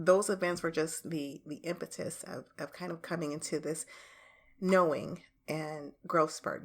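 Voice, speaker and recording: Earnest woman with a low voice. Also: a bit bright. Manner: earnest, candid, slows down on key phrases. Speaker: motivational speaker. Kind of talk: personal reflective storytelling.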